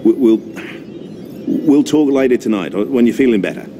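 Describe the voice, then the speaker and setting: An actor playing an awkward, sheepish male technician in a video game, halting and stammering. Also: mid-range voice, expressive, music in the background, lightly acted. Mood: pleading, embarrassed. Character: awkward, sheepish mother's boy technician, proud of skills. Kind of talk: video game character acting. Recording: loud background noise.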